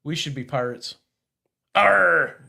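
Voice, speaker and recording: A man's voice: mid-range voice, a little slow. Rambling middle-aged man, casual chat. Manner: rambling, self-correcting, laughs easily. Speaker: podcast host.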